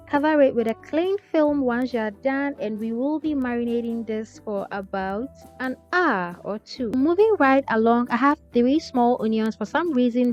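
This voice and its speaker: A woman's voice: on the high side, darkish tone. A woman hosting a cooking tutorial, talking the viewer through each step in a chatty way and often checking in with "okay?". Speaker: cooking channel host. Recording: slightly dull sound with faint music.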